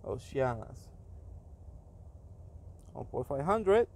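A man's voice: medium pitch, big pitch swings, extremely slow, a little mellow. A man giving casual commentary on game summons, switching between Spanish and English and reacting to each pull. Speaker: gaming YouTuber.

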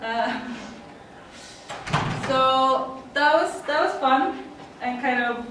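A middle-aged Swedish woman with a Swedish accent gives a chatty English presentation at a conference, laughing often and using lots of fillers. Her voice sits high and she speaks extremely slowly, with background noise present. A far room mic in a dim conference room captures her from a distance, so the sound is echoey.

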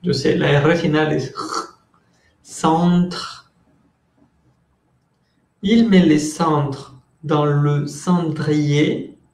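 Slow, patient male French teacher. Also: fairly high pitch, fairly even intonation, darkish tone, roomy sound. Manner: slow, patient, repeats words to drill pronunciation; switches between Spanish and French, addresses students by name. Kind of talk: online language class, explaining French to Spanish speakers.

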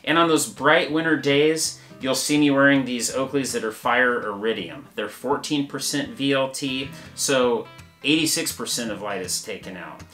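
A man's voice: mid-range voice, moderate pace, pushed and bright, roomy sound, soft background music. A man hosting a fishing channel, explaining gear in a plain, practical, step-by-step way. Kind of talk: gear review talk to camera.

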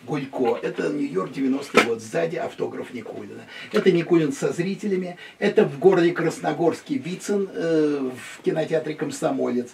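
A Russian man in his sixties owns a small private museum in his home and casually guides visitors through it, pointing at picture after picture. Lively and chatty, he speaks at normal speed in a gravelly, high-ish voice with few pauses. A handheld camera follows him from a distance amid a noisy background.

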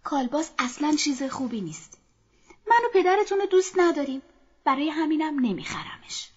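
A woman's voice: on the high side, breathy edge. A woman voicing an irritated, tired mother who scolds her child sharply, in a dull lo-fi recording. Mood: stern.

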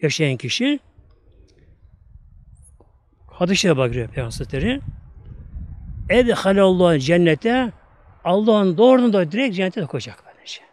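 A man's voice: high voice, very animated, fast talker, pauses often, darkish tone. A man with a Turkish accent preaching, telling a story in an emphatic, repetitive way. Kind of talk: storytelling religious talk.

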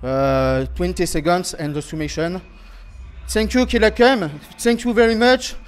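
High-voiced French man in halting English. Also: fairly even intonation, clean tone. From France. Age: young adult. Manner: halting broken English, repeating words while searching for them. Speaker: MMA fighter. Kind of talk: post-fight interview. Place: indoor event backdrop interview area. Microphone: handheld interview microphone held close.

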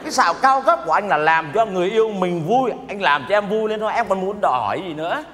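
A man's voice: high-pitched, expressive, quick pace, a bit bright. An actor playing a sly, boastful husband who justifies his bragging in a stage comedy. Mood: smooth-talking. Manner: persuasive, explains with relish. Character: boastful overseas husband, sly smooth-talker. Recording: reverberant stage hall with noise.

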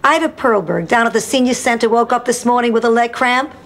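An older actress playing a blunt, sly elderly mother, delivering deadpan wisecracks in studio sitcom style. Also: a little high, brisk. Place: sitcom kitchen set. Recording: noisy 1990s TV sitcom audio.

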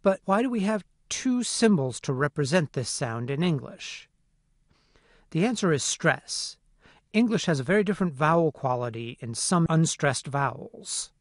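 A man narrating a phonetics lesson in a clear, methodical way. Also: fairly high pitch, big pitch swings, moderate pace, no room sound, studio quality. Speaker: phonetics instructor. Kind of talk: scripted lecture narration.

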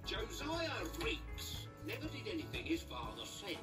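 An actor playing a creepy, gleeful storyteller of grim children's cartoon tales, with a macabre, drawn-out delivery. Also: male voice, high voice, huge pitch swings, distant mic, loud music behind the voice, heavily acted. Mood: dark, suspenseful. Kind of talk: theatrical cartoon narration with character voices.

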